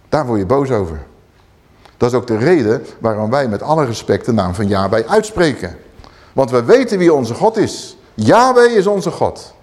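A man preaching a sermon, animated, swinging between loud exclamations and low emphatic asides.

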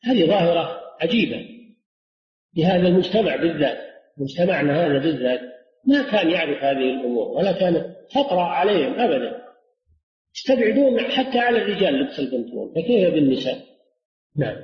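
A man, a religious scholar, answering questions in a lecture, measured and repeating key phrases for emphasis. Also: a little high, lively intonation. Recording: roomy lo-fi lecture recording.

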